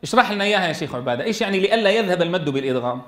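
A man teaching a Quran recitation class, calling on students by name and reciting verses slowly. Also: sits high, animated, a bit bright. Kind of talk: classroom tajweed lesson.

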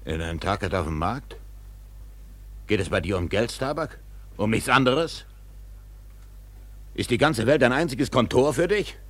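An actor playing an obsessed, vengeful whaling captain in a German radio drama, with a husky, gravelly voice and a commanding, brooding delivery. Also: male voice, medium pitch, animated, measured pace, pauses often. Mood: angry, challenging.

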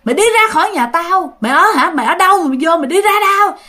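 A woman's voice: animated, rapid-fire, pushed and bright, heavily acted. A woman voicing a fierce, territorial female ghost who shrilly demands to know who has entered her house. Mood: furious. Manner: shrill, demanding, repeating its questions.

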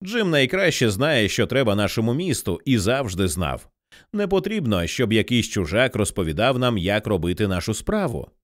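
A man's voice: on the low side, big pitch swings, normal speed. A man reading an audiobook, voicing a sad, earnest townsman trying to persuade. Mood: persuasive.

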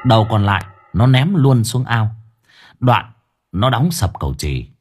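A man narrating an audiobook story in a lively, earthy storytelling manner, with a husky voice. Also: on the low side, unhurried.

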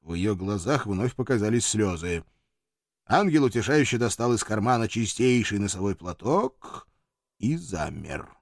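A man's voice: fairly low pitch, very animated, unhurried, no room sound, clean studio sound. Wry male audiobook narrator. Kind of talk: first-person audiobook narration.

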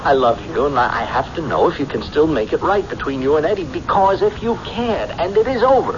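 A man's voice: a little high, lively intonation, fairly quick, lightly acted. A man acting an earnest, lovelorn friend who stammers hesitantly, in old-time radio drama style. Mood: lovelorn, pressing. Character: lovelorn, earnest, scheming male friend of the wife. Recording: muffled, noisy old radio recording.

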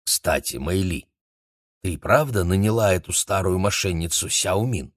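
A man's voice: deep voice, lively intonation, unhurried, no echo, studio quality. A man doing a wry, grumpy older uncle. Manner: wry, lecturing.

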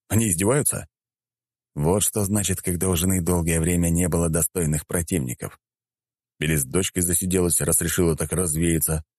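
A man narrating a first-person fantasy audiobook in a calm, wry tone. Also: sits low, no room sound, clean studio sound.

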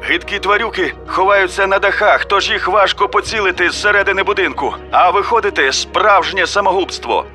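Man doing a breathless high-voiced radio caller. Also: expressive, a little fast, sharp tone, faint music behind, full character voice. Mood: urgent. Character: breathless man radioing urgent news under siege.

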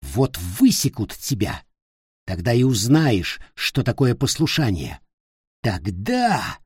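A man voicing a cruel, arrogant tall boy lord in an audiobook, shouting and hissing in fury. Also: mid-range voice, very animated, slow, slightly rough, no echo, clean studio sound, full character voice. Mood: furious. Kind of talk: audiobook character voice.

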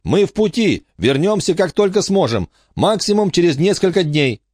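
A man's voice: high voice, very animated, moderate pace, darkish tone, no room sound, clean studio sound, voice pushed up. A man narrating an audiobook voices an earnest, reasonable teenage boy in a raised voice. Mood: eager.

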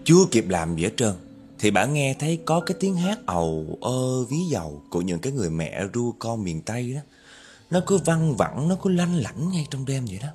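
A man narrating a ghost story in a lively, dramatic way, addressing his listeners directly. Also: medium pitch, normal speed, faint music behind.

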